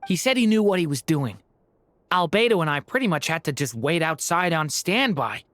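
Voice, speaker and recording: A woman's voice: deep voice, big pitch swings, normal speed. An actress playing a curious, thoughtful young woman in a video game.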